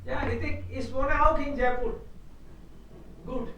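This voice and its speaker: A woman's voice: sits high, steady tone, unhurried, fairly bright tone. A woman teaching German online, encouraging students and calling on them one by one. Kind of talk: online class, mixing German, English and Hindi. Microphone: video call. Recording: echoey, distant video-call audio with faint noise.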